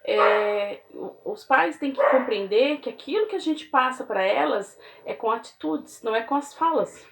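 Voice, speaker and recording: A woman's voice: a little high, lively intonation, gravelly. A woman with a Brazilian accent, a teacher explaining in casual talk, earnest and often checking in with her listener. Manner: earnest, keeps checking in with "né?" and "entendeu?"; acts out parents and children in quick quoted asides.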